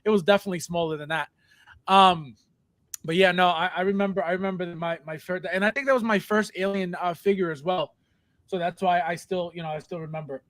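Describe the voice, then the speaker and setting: High-voiced Spanish-native man, dry sound. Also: fairly even intonation, a bit bright, dry recording. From Colombia. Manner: halting, full of restarts. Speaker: podcast host. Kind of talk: casual podcast chat.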